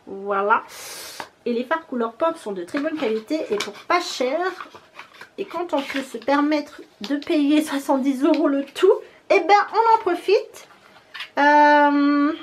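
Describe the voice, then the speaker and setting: A high-voiced woman from France chats through a beauty haul vlog, rambling loosely and filling pauses with hesitations. She laughs at herself now and then. A faint hiss sits under the recording. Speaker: beauty vlogger.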